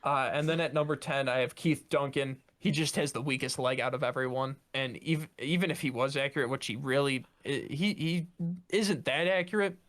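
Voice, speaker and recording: A man's voice: medium pitch, normal speed, a bit bright. A young man co-hosting a podcast, chatting casually about football with many fillers and restarts. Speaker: podcast co-host. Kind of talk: casual sports chat.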